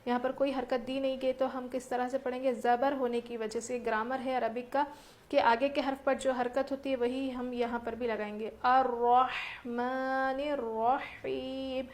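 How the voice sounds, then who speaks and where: A woman's voice: a little high, flat delivery, darkish tone. A woman teaching Quran recitation rules, explaining each point patiently step by step and asking her listeners rhetorical questions. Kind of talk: tajweed lesson with recited examples.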